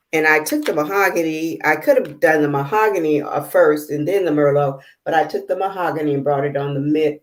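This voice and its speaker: Woman host, low voice, casual halting tutorial patter on a video call. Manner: halting, many fillers while working; checks the viewers can see. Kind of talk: casual live demonstration.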